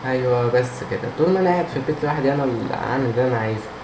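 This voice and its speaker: A man's voice: medium pitch, rapid-fire. A man with an Egyptian Arabic accent giving casual horror game commentary, jumpy, muttering to himself and talking back to the game's characters. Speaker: gamer, let's player. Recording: roomy echo, steady background hum and noise.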